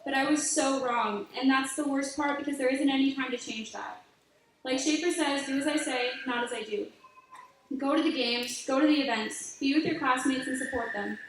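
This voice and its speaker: High-voiced teen girl giving a graduation speech. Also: normal speed. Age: late teens. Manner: earnest, heartfelt advice to younger students. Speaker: graduating student speaker. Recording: echoey hall, voice from far off, faint noise.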